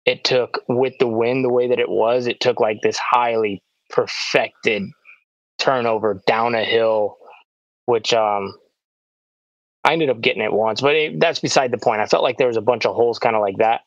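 A man and pro disc golfer, recapping his tournament in a relaxed, rambling casual chat full of "like" fillers. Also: medium pitch, moderate pace, no echo. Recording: dull, dry lo-fi sound.

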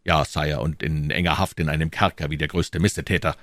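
A man's voice: extremely low pitch, steady tone, brisk, fairly bright tone, no echo, clean studio sound. A man voicing a proud, defiant musketeer captain who speaks in a firm, unyielding way.

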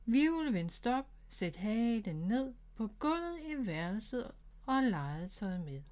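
A woman voicing a patient, gentle mother rabbit teaching her son, in a storybook read-aloud. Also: a little high, big pitch swings. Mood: commanding.

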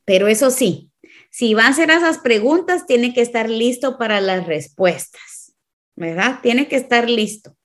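Female co-host, slightly high voice, animated storyteller with frequent check-ins. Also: unhurried. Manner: warm affirmations, animated storytelling, frequent "¿verdad?". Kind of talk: faith-based couples talk show chat.

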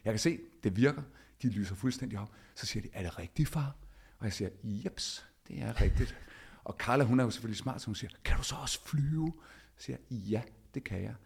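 Gravelly low-voiced man telling a story. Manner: animated, acts out quoted dialogue. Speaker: podcast host. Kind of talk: personal storytelling.

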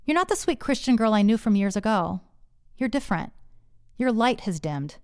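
A soft-spoken, preachy male lover, as a woman storyteller voices him in a storytelling monologue. He speaks quietly and in an earnest, moralizing way, with a gentle lower tone. The sound is dry and close. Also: sing-song, normal speed, smooth, no echo.

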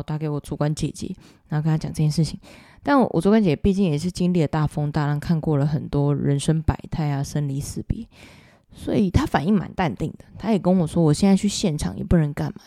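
A woman's voice: sits low, dark tone, no room sound, studio quality. A woman podcast host with a Taiwanese Mandarin accent, telling a personal story in an emotional, confiding way. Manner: emotional, confiding, keeps asking "you know?".

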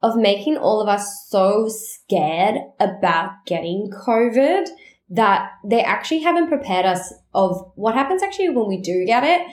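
Sounding congested and nasal, a woman at medium pitch hosts a relaxed one-person podcast. She's chatty and animated, rambling with quick side remarks, and the room has a noticeable echo.

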